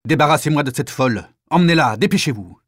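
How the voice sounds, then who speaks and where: A man's voice: on the high side, lively intonation, fast, fairly bright tone, no room sound, clean studio sound. A man voicing a cruel, impatient officer who barks orders in a stage-play reading. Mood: exasperated. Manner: harsh, barking, exasperated.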